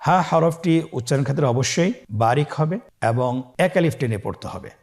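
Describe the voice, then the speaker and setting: A man teaching Quran letter pronunciation step by step, slowly drawing out each letter for the listener to repeat. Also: on the high side. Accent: Bangladeshi Bengali. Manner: slow, drawn-out model pronunciations for the listener to repeat.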